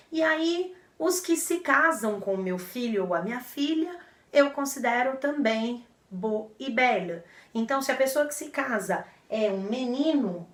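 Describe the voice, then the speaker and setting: A woman explaining vocabulary to viewers as a teacher, patient and repeating terms with frequent checks for understanding. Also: on the high side. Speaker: French teacher. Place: indoor room in front of a board. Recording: roomy echo, a bit far from the mic.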